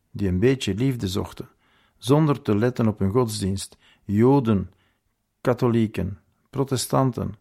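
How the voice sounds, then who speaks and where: Low, gravelly memoir reader. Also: male voice, darkish tone. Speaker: audiobook reader. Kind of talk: first-person memoir reading.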